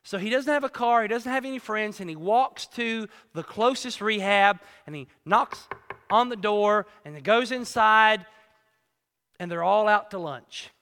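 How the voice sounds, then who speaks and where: A man preaching a sermon, telling a folksy story and swinging between loud emphatic lines and hushed ones. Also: high voice, a little slow, smooth, big-room sound. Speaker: pastor.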